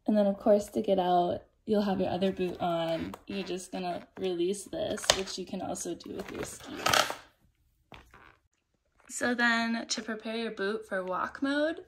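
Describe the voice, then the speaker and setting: Handling her ski gear as she goes, a young woman who vlogs about outdoor equipment walks viewers through how it works, one step at a time, in a friendly, casual manner. She speaks unhurriedly in a mid-range voice, with background noise audible.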